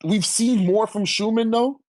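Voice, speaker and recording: Arguing casually over manga character rankings, this man uses lots of slang and curses freely. His voice sits high and he takes his time. No echo can be heard.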